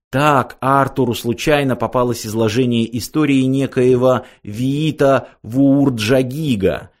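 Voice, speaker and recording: A man reads an audiobook aloud in measured, scripted narration. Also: medium pitch, darkish tone.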